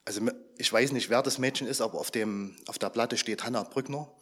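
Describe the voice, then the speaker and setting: To a gathered congregation, a sick man gives a casual, chatty talk, often asking them questions. His medium-pitched voice is slightly hoarse, a bit bright and brisk.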